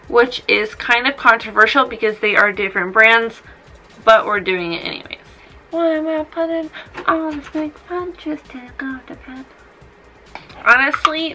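A woman's voice: a little high, sharp tone, rough recording. A woman in her twenties chatting through a casual makeup tutorial in a tipsy, rambling, blunt and sweary way. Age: 20s. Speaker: makeup vlogger. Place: small room indoors.

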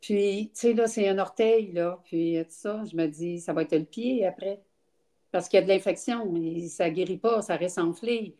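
With a low, mellow voice at a normal pace, an older Quebec French-accented woman talks frankly as an interview guest over a video call, filling her speech with fillers. It's a casual testimony recorded indoors at home on a laptop webcam.

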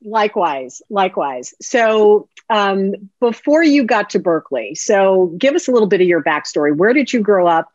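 A woman's voice: medium pitch, big pitch swings, normal speed, few pauses, darkish tone, no echo. Host: woman, encouraging and affirming, dry slightly muffled call audio. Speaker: podcast host. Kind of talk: video call interview. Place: home office, indoors.

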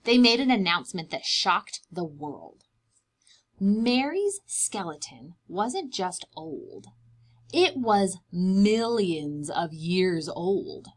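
Her lowish, slightly rough voice moves slowly and swings widely in pitch as she reads a picture book to little children. This young preschool teacher reads with dramatic emphasis and pauses for simple explanations.

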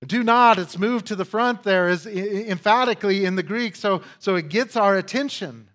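A man's voice: sits high, normal speed, a bit bright. A male pastor giving a conversational teaching sermon, with asides and emphatic repetition.

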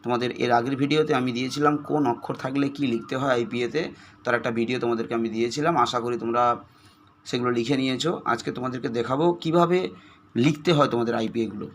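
Bengali guy tutoring for exams, west bengal accent, slow patient sound-by-sound spelling. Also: mid-range voice, fairly even intonation, slight background noise. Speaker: teacher. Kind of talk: exam-prep tutorial.

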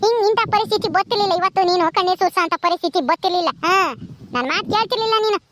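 A woman's voice: very high-pitched, rapid-fire, a little hiss or hum. A woman voicing a deaf, talkative old village grandmother who scolds and keeps asking "eh?". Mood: scolding. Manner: loud, repeats "ha?" as if hard of hearing. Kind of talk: village comedy voice acting.

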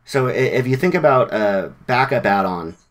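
Speaking at normal speed in an expressive, mid-range, slightly bright voice, a man gives a chatty talk at a developer meetup. He uses informal slang and keeps filling pauses and starting sentences over.

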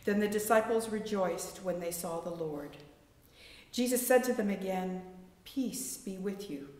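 A woman reading the gospel aloud at a church service in a calm, steady, deliberate way, with a cathedral echo. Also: mid-range voice. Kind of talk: liturgical scripture reading. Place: large church. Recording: distant voice in an echoey cathedral.

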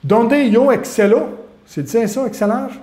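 A man with a Panamanian Spanish accent tinged with French-Canadian, hosting a live webinar as an online marketing mentor and pitching to viewers with rhetorical questions. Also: measured pace, dark tone. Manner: salesy, fires rhetorical questions at viewers, lists skills. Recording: roomy echo.

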